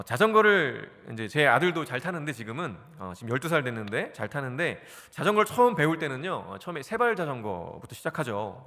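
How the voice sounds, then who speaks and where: A man in his forties preaches to a congregation and keeps asking them questions, then answers them himself. His voice is bright and rises and falls a lot. It rings out with the long reverb of a church hall. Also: mid-range voice. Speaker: pastor. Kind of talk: sermon. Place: church sanctuary.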